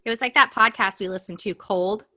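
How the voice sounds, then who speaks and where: A woman with a bright, forceful voice co-hosts a casual podcast. She reads out list items and reacts bluntly, swearing freely and laughing. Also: medium pitch, a little fast, no room sound, studio quality. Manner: blunt and profane, laughs often. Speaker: podcast co-host. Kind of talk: casual chat, reading out a list.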